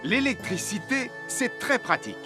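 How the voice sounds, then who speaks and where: A responsible, encouraging cartoon fireman, teaching safety to children. His voice is high for a man and very expressive, over clearly audible music. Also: normal speed. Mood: friendly, instructive. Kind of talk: French-dubbed children's cartoon presenting.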